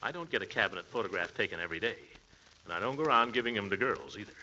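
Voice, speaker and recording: A man's voice: fairly low pitch, animated, racing, bright, forceful tone. A man acting a pompous, sentimental middle-aged suitor in old American radio comedy, blustering and hemming and hawing theatrically. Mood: bashful, earnest. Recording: noisy, muffled old radio recording.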